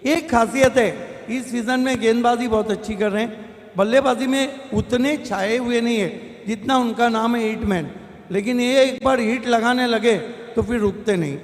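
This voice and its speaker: High-voiced male event host, echoing hall. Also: moderate pace. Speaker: auction host presenting players. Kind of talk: live event presenting and commentary. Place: large echoing room at a live event. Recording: echoey hall with long reverb.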